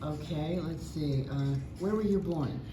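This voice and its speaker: Low-voiced woman interviewer in an echoey room. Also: dark tone. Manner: encouraging, frequent mm-hmms, halting questions. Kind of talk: oral history interview. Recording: echoey room with clear noise.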